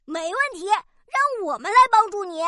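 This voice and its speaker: A woman's voice: very high-pitched, lively intonation, normal speed, dry recording, studio quality, full character voice. A woman doing a chirpy broccoli superhero boy. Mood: rallying. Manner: eager, bright, rallying. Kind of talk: children's audio story acting.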